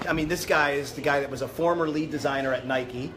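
A man's voice: on the high side, steady tone, quick pace, background noise. A man who hosts a show, chatting casually and effusively on a red carpet, repeating himself for emphasis. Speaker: show host being interviewed.

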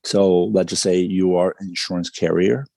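Male startup founder, interview guest: confident, informal pitch delivery, mellow low tone, very dry sound. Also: little pitch movement, moderate pace, creaky, no room sound. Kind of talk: conversational interview answers.

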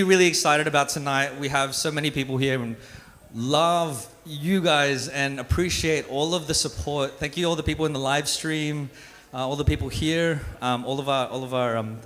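A young male stand-up comic with a medium-pitched, slightly bright voice performs live at a venue with an audience. He's from the Philippines but raised in Australia, and his delivery on the stage microphone is loose and self-deprecating, full of stumbles and fresh starts.

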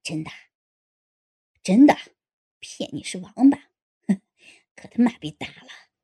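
A woman's voice: lively intonation, a little slow, warm tone, full character voice. A woman voicing a drunk, gullible married man in an audiobook, sheepish and boastful by turns. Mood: tipsy boastful. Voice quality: low husky voice. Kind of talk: audiobook character voice.

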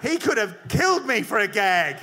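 A man telling a comic story on stage to a live audience, energetic and swearing, laughing along with his own punchlines. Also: high-pitched, normal speed, a little hiss or hum. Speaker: comedy debater. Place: comedy venue before a live audience.

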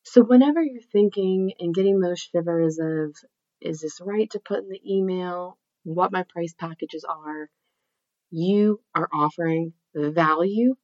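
A woman's voice: fairly low pitch, normal speed, mellow, no room sound, dull audio. A woman hosting a solo podcast, her voice nasal from a cold, talking in an upbeat, encouraging way with a few slips. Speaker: podcast host.

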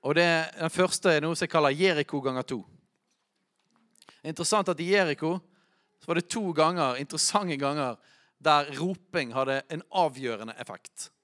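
Man preaching with loud bursts. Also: on the high side. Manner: preaching with bursts of shouting when quoting. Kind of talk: sermon.

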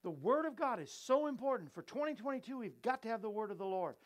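A man's voice: high voice, animated, fast talker. A man hosting a show in an easygoing, playful way, chatting and joking with his crew and viewers. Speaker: host. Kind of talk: casual chat.

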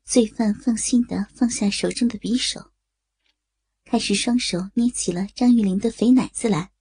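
A woman telling an audio story in steady, even narration. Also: on the high side, normal speed, slightly rough, dry recording.

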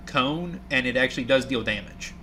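Male game master, relaxed, laughs a lot, noisy recording. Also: medium pitch, a little fast. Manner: easygoing, laughs often. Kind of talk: running a tabletop game.

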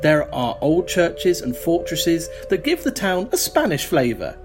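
A man's voice: fairly high pitch, very animated, a little slow, music in the background. A man narrating a choose-your-own-adventure gamebook as host, with jokey asides. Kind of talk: reading a gamebook aloud with asides.

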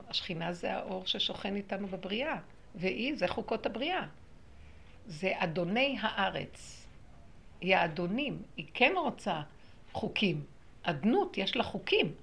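A woman teaching a spiritual lesson to a small group, animated, acting out quotes and laughing often. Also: medium pitch, gravelly, a little hiss or hum.

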